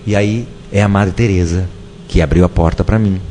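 A man telling a personal story in an emotional, halting way, often repeating himself. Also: low-pitched, steady tone, mellow, long reverb tail, slight background noise. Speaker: guest telling his story.

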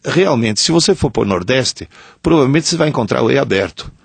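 Older man, gravelly and lively. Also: medium pitch, fairly quick, no echo. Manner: anecdotal storyteller, reads letters aloud. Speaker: co-host answering listener letters. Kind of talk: casual radio chat.

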